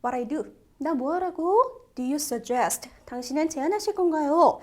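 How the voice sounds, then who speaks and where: High-voiced lady teaching toeic listening, super lively, keeps asking the class stuff. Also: unhurried. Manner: lively, constantly addresses students with questions. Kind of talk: video lecture.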